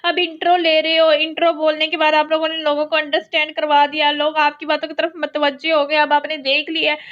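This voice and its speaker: A woman giving a conversational lecture, mixing English terms into her Urdu-Hindi and reading English lines slowly. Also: high voice, fairly bright tone. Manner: conversational, repeatedly checks in with the listener. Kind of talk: explanatory lecture. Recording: dull lo-fi recording.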